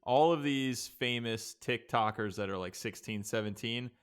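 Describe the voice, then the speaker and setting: A man's voice: mid-range voice, normal speed, clear, resonant tone. A young man co-hosting a podcast, explaining things in a laid-back, rambling casual way. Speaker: podcast co-host. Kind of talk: casual chat.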